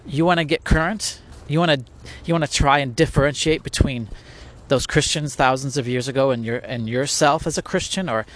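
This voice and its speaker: A man's voice: mid-range voice, brisk, hardly any pauses. A man hosting a podcast, talking through a topic in a casual, reflective monologue full of restarts and rhetorical questions.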